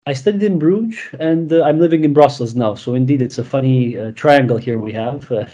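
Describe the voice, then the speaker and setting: A man's voice: medium pitch, dark tone. A man, talking as a guest on a video call interview, rambling with many restarts and fillers. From Romania. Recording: dull lo-fi call audio.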